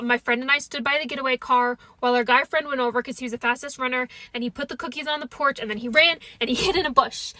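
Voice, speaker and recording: Young woman, high pitch, lively storytime, amused, dry close recording. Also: dry recording. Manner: lively, amused anecdote telling. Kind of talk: storytime narration.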